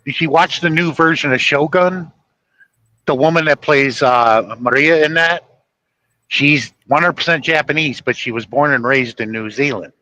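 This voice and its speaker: A man's voice: a little high, moderate pace, pushed and bright, no room sound, rough recording. A man hosting a podcast, telling stories and insisting on his point in a rambling casual chat. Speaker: podcast host.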